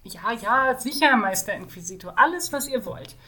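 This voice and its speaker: A woman's voice: a little high, expressive, normal speed, sharp tone, pitched above the performer's own voice. A woman voicing a vain, complaining young male mage in his mid-twenties, reading him out from a fantasy novel. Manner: whining, complaining.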